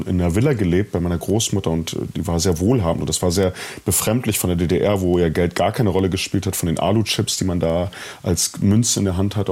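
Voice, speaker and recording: A man's voice: low voice, darkish tone. A middle-aged man from East Germany, an actor speaking candidly and reflectively in an interview, with many fillers and restarts.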